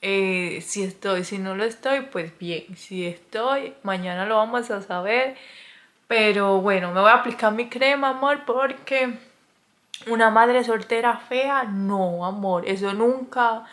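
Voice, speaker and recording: A young woman talking to her phone camera in a casual confessional vlog, chatty and dramatic, with nervous laughs and soft murmured asides. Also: mid-range voice, a little slow. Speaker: vlogger.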